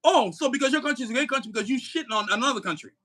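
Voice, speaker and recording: A podcast co-host delivers a heated political rant in an extremely high, expressive voice at a very fast clip. He's angry and emphatic, cursing and sometimes shouting.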